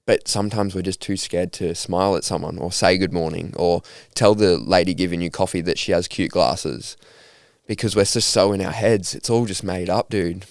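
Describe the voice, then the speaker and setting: Laid-back deep-voiced Australian young man. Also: no room sound, studio quality. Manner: laid-back, upbeat slangy talk with frequent laughs. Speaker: podcast guest. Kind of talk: casual conversational storytelling.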